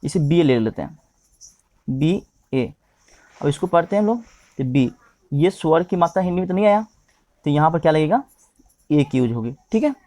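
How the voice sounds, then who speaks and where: A man teaching English grammar, who keeps pausing to ask himself questions and checking in with his listeners. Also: fairly high pitch, lively intonation, a little mellow, dry recording. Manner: repeats "okay" and asks himself questions.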